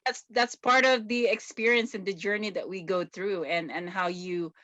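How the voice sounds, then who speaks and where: A woman's voice: medium pitch, steady tone, moderate pace, fairly bright tone, no room sound. A woman from the Philippines hosting an interview, enthusiastic and effusive with praise. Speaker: interview host. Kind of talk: casual interview conversation.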